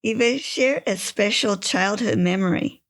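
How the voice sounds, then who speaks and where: A woman's voice: medium pitch, measured pace. A woman hosting a podcast, reading a scripted introduction and then asking interview questions with enthusiasm. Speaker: podcast host.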